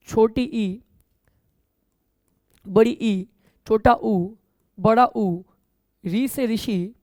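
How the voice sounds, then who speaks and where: Guy teacher w a pretty high voice, patient step by step coaching class explaining, dry close mic. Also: no room sound. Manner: patient, step-by-step explaining, often addressing students as children. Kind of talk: exam-coaching grammar lesson.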